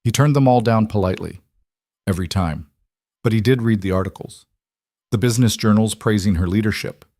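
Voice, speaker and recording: A man reading a dramatic story in a measured, even delivery. His voice sits low. The sound is dry and close. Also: dry recording. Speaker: narrator. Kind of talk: scripted story narration.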